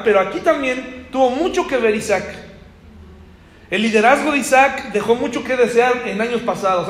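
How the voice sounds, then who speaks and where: A man preaching a sermon as a pastor, talking conversationally and asking the congregation rhetorical questions. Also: sits high. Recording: echoey hall.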